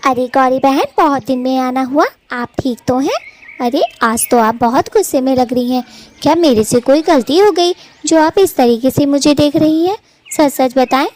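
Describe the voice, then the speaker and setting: Woman doing a meek little mama sparrow for a cartoon, polite and pleading, high voice. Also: normal speed, a little mellow, slight background noise, lightly acted. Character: meek poor mother sparrow. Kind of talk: Hindi cartoon voice acting.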